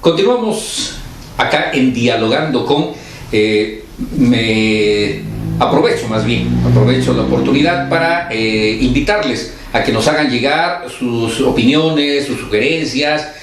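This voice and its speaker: Older male talk-show host in his sixties, mid-range voice, chatty and halting, recorded in a very echoey room with faint background noise. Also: medium pitch, animated. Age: 60s. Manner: conversational, searching for words with pauses. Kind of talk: radio-style talk show chat.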